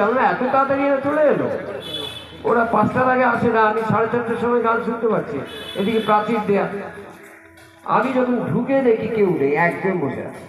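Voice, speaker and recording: A man leading an outdoor yoga and meditation camp, guiding a group step by step and mixing in a personal story. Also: high voice. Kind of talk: spoken instruction to a group. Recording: echoey, crowd murmur behind.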